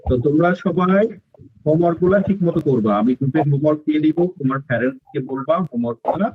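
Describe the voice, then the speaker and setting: A man's voice: fairly high pitch, rapid-fire, husky, phone-quality sound. A man teaching a phonics class to children online, explaining step by step and putting questions to his pupils. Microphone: video call.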